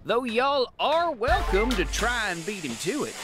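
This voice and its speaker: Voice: medium pitch, sing-song, a little slow, over music. An actor playing a folksy, welcoming Old West saloon keeper in a video game, with an American Western drawl. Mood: folksy, gracious. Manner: folksy cowboy-era slang. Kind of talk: video game character acting.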